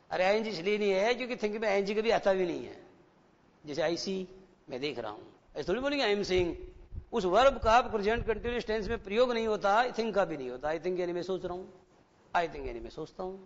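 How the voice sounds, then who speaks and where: A man teaching an English class to schoolchildren, explaining slowly and asking them rhetorical questions. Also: sits high. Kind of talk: classroom lecture. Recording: dull lo-fi broadcast with long reverb.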